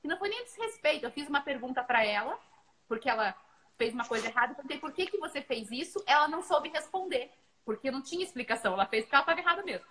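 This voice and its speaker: Bright-voiced woman telling parenting stories. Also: sits high, racing, a little hiss or hum, low-quality recording. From Brazil. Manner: earnest, animated storytelling. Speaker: mother and co-host. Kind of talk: casual parenting chat.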